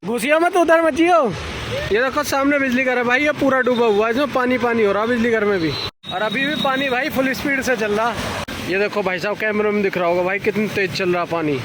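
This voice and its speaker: A man in his thirties narrates a casual family vlog on a handheld phone camera, pointing out the floods around him. He talks chattily and keeps addressing the viewers directly. His voice sits high, and a faint hum of outdoor noise runs behind him. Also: fairly even intonation, fast. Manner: chatty, keeps calling viewers "bhai sahab". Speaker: family vlogger. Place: outdoors by flooded roads, partly from a car.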